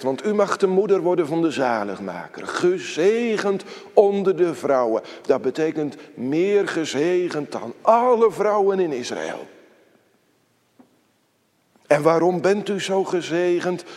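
Slow, emphatic preacher in a reverberant church. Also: male voice, high voice, a little mellow. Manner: slow, emphatic preaching, quotes scripture in solemn tones. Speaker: pastor. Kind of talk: sermon.

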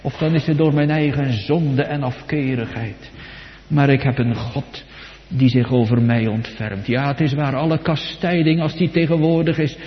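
Male pastor, slow, solemn sermon cadence, swells and sinks, long church echo. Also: slight background noise. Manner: solemn preaching cadence, swelling loud and high for quoted psalms, dropping low and soft. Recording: dull sound with long church reverb.

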